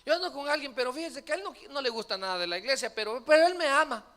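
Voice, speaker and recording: Bit: male pastor playing a needy woman parishioner, high and pleading, rambling on, bright voice in a reverberant church. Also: lively intonation, very fast. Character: desperate female churchgoer wanting a man.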